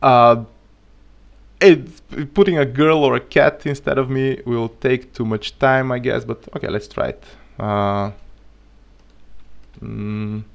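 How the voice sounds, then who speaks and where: On this live coding stream, a man with a Bulgarian accent, Bulgarian by birth, talks through his work into a desk mic, teaching programming with relaxed jokes. He has a medium-pitched, gravelly voice and takes things slowly, with lo-fi sound.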